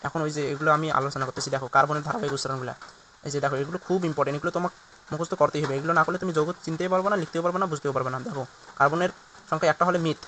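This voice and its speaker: A man's voice: a little high, steady tone, rapid-fire, sharp tone, a little hiss or hum. A man teaching a recorded chemistry lesson, walking through each step and asking and answering his own questions.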